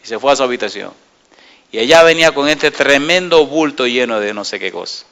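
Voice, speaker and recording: A middle-aged male pastor preaching a sermon, asking the congregation rhetorical questions and telling stories with lively energy. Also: mid-range voice, brisk, creaky.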